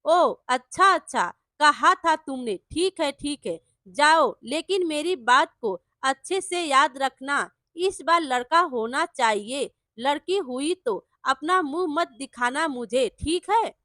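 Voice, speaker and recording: A woman voicing a gruff, short-tempered village trader in a storybook tale, harsh and scolding. The voice stays high and bright, close and dry. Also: animated, slow, no echo, full character voice. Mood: pleading.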